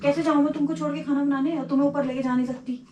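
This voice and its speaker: Exasperated woman, high-pitched, casual domestic scolding and coaxing, recorded in an echoey room with heavy noise. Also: little pitch movement, rapid-fire, dull audio. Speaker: wife and mother. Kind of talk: casual home talk. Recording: distant mic, echoey room, loud background noise.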